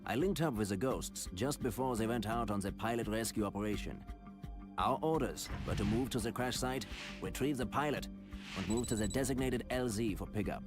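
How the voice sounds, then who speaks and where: Man as low-voiced soldier recounting a mission. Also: a little fast, over music, lightly acted. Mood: sober. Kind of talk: scripted mission narration in a war game.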